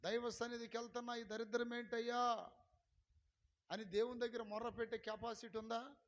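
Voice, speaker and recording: A male pastor preaching a sermon, pressing the congregation with questions and swinging from quiet talk to loud shouts. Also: very high voice, little pitch movement, moderate pace, dull audio.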